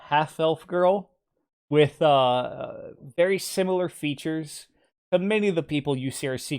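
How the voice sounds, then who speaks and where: A man narrating a tabletop game as game master, hesitant and full of fillers. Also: fairly high pitch.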